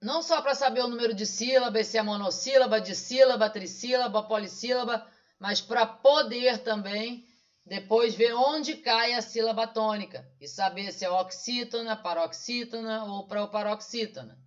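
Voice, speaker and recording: A man's voice: sits high, moderate pace. A man with a Brazilian accent working through exam questions as a teacher. He is didactic and poses questions, then answers them himself. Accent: Brazilian Portuguese. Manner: didactic, asks and answers his own questions. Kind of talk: online exam-solving lesson. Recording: dull lo-fi sound.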